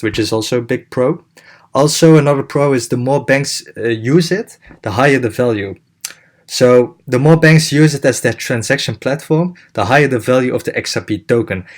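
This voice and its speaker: Young man, casual explainer, mid pitch, lots of ums and restarts. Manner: informal, with many fillers and restarts. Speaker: crypto channel host.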